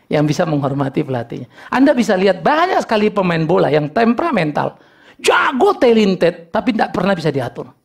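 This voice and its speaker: A middle-aged male pastor from Sumatra, preaching. He pitches his voice high and swings it widely as he tells stories, and a gravelly rasp runs under his words. He acts out bits of family talk with humor. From North Sumatra, Indonesia. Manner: lively storytelling, acting out family dialogues with humor. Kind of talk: sermon.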